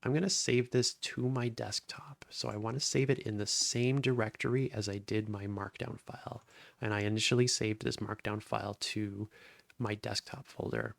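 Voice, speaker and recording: A man's voice: fairly low pitch, steady tone, normal speed, gravelly, no echo. A man giving a step-by-step lesson while recording his screen, explaining each step plainly. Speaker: instructor. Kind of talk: screen-recorded coding tutorial.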